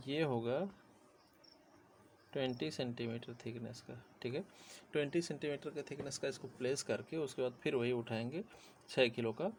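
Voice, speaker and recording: A man's voice: mid-range voice, gravelly, darkish tone, a little hiss or hum. A man with a sore throat giving a chatty civil engineering lecture, often checking in with his listeners. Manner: chatty, repeats "theek hai" often. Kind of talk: casual Hindi classroom lecture.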